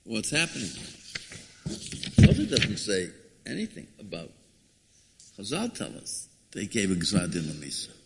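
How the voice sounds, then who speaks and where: A man's voice: on the low side, wildly swooping pitch, a little slow, creaky, long pauses, a little hiss or hum. A man gives a religious lecture like a rabbi, dramatic and emphatic, posing rhetorical questions and repeating himself. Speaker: rabbi giving a Torah lecture. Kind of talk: sermon, expounding scripture. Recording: echoey hall with long reverb.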